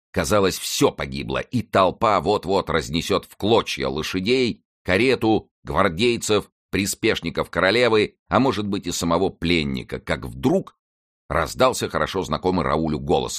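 A man's voice: deep voice, a bit bright, no room sound, clean studio sound. A man narrating an adventure novel as an audiobook, reading dramatically.

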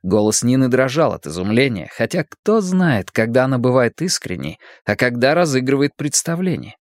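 Male audiobook reader, mid pitch, even delivery, very dry close recording. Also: normal speed, dry recording. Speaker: audiobook narrator. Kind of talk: scripted fiction narration.

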